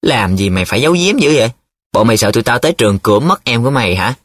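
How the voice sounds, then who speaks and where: A man's voice: medium pitch, animated, rapid-fire, a bit bright, no echo, studio quality. A man voicing a teasing, dramatic young male student who talks in a playful, showy way, in an audiobook. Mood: pushy. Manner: playful, showy, sing-song when reciting.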